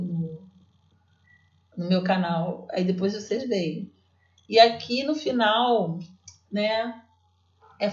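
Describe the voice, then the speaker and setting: A woman's voice: medium pitch, darkish tone, reverberant, highs cut off. A woman teacher with a Brazilian Portuguese accent, explaining her classroom literacy work in a chatty way, full of fillers and restarts. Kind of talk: explaining classroom practice to viewers.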